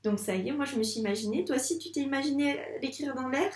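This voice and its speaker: Talking directly to the child, a woman who teaches first grade walks young kids through handwriting with slow, patient encouragement. Her fairly high voice comes from some distance off the microphone, in a roomy, echoey recording.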